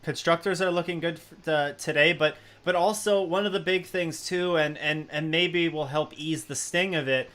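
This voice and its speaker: A man's voice: a little high, steady tone, moderate pace, few pauses, pushed and bright. A man hosting a racing league broadcast, interviewing drivers in an upbeat, rambling way. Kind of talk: post-race interview.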